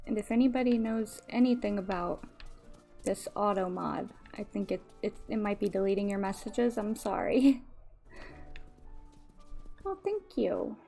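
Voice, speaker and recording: Mellow woman streamer, slight missing-teeth lisp. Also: medium pitch, expressive, a little slow, gravelly, long pauses, soft background music. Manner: grateful, gushing thanks to viewers. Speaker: live streamer. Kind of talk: casual livestream gameplay chat.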